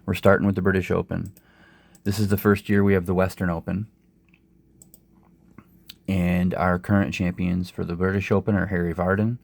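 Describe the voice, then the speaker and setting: A man with a sore throat and summer cold, casually narrating a golf game as host in a low-energy, unhurried way. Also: level tone, no echo. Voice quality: low, gravelly. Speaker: host of a sports gaming channel.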